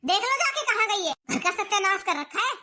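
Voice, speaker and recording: A woman's voice: very high voice, big pitch swings, fairly quick, exaggerated voice. A woman voicing a nagging, sarcastic mother-in-law in a cartoon. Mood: complaining. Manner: sharp, scolding, sarcastic. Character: nagging scolding middle-aged mother-in-law. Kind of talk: cartoon voice acting.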